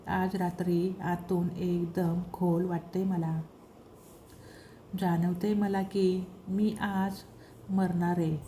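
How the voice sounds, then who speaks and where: A woman reading the part of a gentle young husband who senses his own death, speaking calmly and softly in a storybook. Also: on the low side, slow, pauses often, a little hiss or hum. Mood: foreboding.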